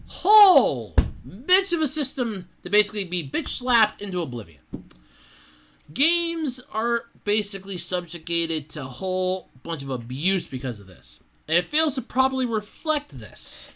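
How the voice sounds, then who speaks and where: Unhurried and mid-range in voice, this podcast host works through an article out loud, his delivery animated and sarcastic and sprinkled with offhand profanity.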